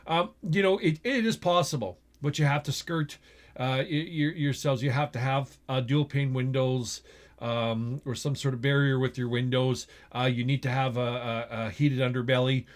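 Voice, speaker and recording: A man's voice: mid-range voice, fairly even intonation, normal speed. Middle-aged Western Canadian man, casual and opinionated. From Edmonton, Alberta, Canada. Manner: conversational, opinionated, often asks "okay?" and "right?". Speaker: vlogger, RV store general manager. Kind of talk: casual explanatory vlog talk.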